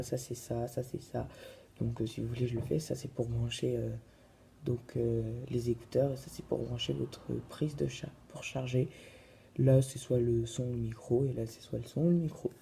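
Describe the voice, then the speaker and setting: A man's voice: medium pitch, gravelly, dark tone, a little hiss or hum. A man casually reviewing a phone in his vlog, hesitant and full of fillers. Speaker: vlogger.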